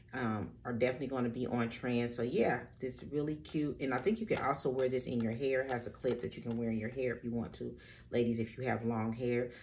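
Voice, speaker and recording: A woman's voice: very deep voice, darkish tone, slight background noise. Woman vlogger, upbeat casual haul chatter, keeps saying so good and love this. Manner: chatty, addresses viewers as ladies; enthusiastic, repeats so good and love this. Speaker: fashion vlogger.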